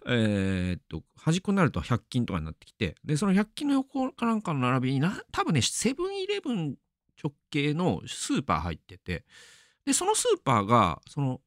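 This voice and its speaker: A man's voice: a little high, wildly swooping pitch, fairly quick, no room sound, studio quality. A middle-aged man hosting a radio show, talking casually and rambling, laughing often. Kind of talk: casual solo talk.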